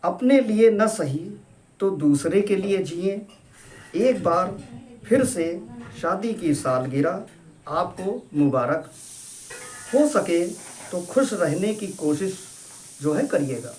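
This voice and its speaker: A man's voice: high voice, sing-song, slow, long pauses, darkish tone, a little hiss or hum, exaggerated voice. A man voicing a grieving young wife reading out her farewell letter, pleading and sorrowful, in a storybook reading.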